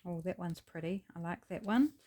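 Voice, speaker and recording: While she works on a craft project, a craft channel host from New Zealand chats in a lowish, scratchy, gravelly voice at normal speed. Her manner is relaxed and talkative, as if she's thinking aloud.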